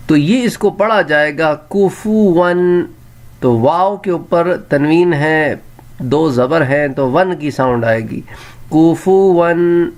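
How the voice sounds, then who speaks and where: A man teaching a Quran reading lesson, sounding out each word slowly and clearly and then repeating it. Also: on the high side. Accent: Pakistani Urdu.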